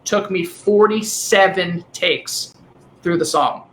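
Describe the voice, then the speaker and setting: A musician guest with a high, thin voice and a Delaware County, Pennsylvania accent rambles through a casual remote podcast chat, halting and restarting often. He uses a dynamic vocal mic over a call, and the audio is reverberant with a little hiss or hum.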